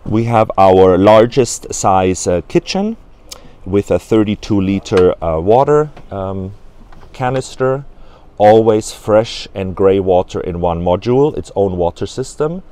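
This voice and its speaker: This man in his forties has a fairly low pitch, a warm tone, lively intonation, and a slow delivery. Representing a company at a trade fair, he walks through a camper van explaining its fittings, with many hesitant fillers, captured by a lapel mic in a large exhibition hall.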